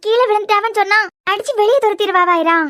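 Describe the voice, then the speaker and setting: A fairly high-voiced cartoon young woman with a Kanyakumari Tamil accent coaxes and explains in an earnest way. She is protective and secretive, as a woman voices her. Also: quick pace, a bit bright. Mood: coaxing. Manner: coaxing, earnest.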